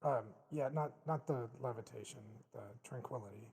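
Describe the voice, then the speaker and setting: A server player in casual technical chat, halting and repeating words, with a slight cave-like echo on the voice. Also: mid-range voice, gravelly, darkish tone, slightly rough. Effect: slight cave-like echo added to the voice. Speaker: server player on a game talk show.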